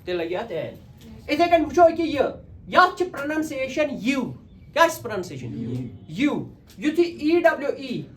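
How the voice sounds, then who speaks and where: A man's voice: extremely high pitch, very animated, a little slow, fairly bright tone, slight background noise. A man teaching English grammar to a class, repeating points and quizzing his students. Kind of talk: classroom lecture.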